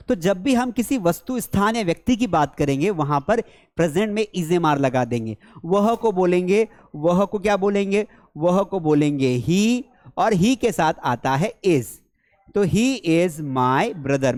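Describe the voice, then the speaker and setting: A man with an Indian accent and a high voice teaches English phrases. He asks a question, answers it himself, and then says each example sentence slowly and clearly. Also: a little mellow. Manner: explains step by step, asks and answers his own questions, slows down on English examples. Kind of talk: spoken English lesson in Hindi.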